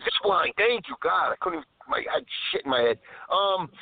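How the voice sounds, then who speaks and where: Over a tinny, dry phone line, a driving caller uses his car speakerphone to tell a live show his stories. His voice is high and creaky with wildly swooping pitch and a brisk pace, and he keeps stopping to correct himself as he rambles.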